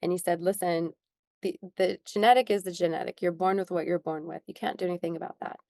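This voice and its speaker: Gravelly-voiced woman telling her story. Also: lowish voice, steady tone, fast, dark tone, no echo, studio quality. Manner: earnest, tearful at moments, many ums. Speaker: skincare founder, interview guest. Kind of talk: emotional personal story in a sit-down interview.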